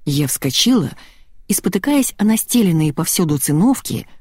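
A woman narrating a comic novel in first person, in a lively, expressive reading. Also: lowish voice, moderate pace, husky, no echo, clean studio sound. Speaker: audiobook narrator.

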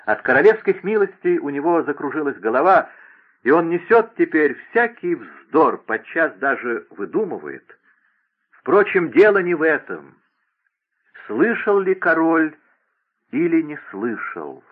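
Reading aloud, a man voices an imperious, scheming young princess who issues commands in a raised, insistent tone. His voice is pushed up on the high side, exaggerated, slightly rough and unhurried with big pitch swings, heard over a tinny, phone-like radio broadcast.

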